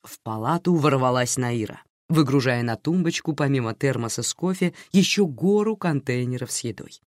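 A woman narrating an audiobook with lively storytelling intonation. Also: extremely low pitch, normal speed, no echo, studio quality. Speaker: audiobook reader.

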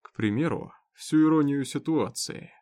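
A man's voice: medium pitch, moderate pace, mellow, natural voice. A man voicing a mocking, predatory prisoner who drawls his words slyly. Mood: taunting. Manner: sly, drawling, taunting.

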